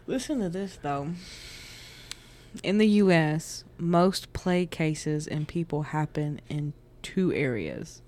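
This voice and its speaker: A woman's voice: low-pitched, animated, slow pace, dark tone. A woman from the American South with a Southern accent, chatting casually as a podcast co-host, joking and laughing often. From southern United States. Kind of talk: casual chat.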